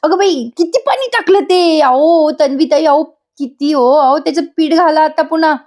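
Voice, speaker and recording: A woman's voice: high voice, moderate pace, darkish tone, pitched above the performer's own voice, lightly acted. A woman reading the lines of a household maid who fusses and exclaims. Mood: fussing. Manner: fussing, exclaiming.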